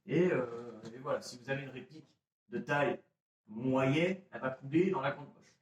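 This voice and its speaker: A man's voice: medium pitch, moderate pace, dull audio. Chatty man showing gear, roomy sound. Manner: chatty, addresses viewers as "les gars", self-mocking. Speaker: airsoft gear vlogger. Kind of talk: casual gear show-and-tell. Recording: roomy echo, mic a bit far off.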